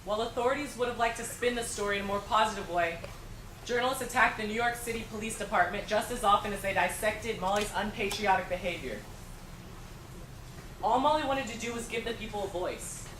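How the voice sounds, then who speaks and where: A woman's voice: medium pitch, brisk. A woman reading scripted historical narration. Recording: echoey, distant, clear background noise.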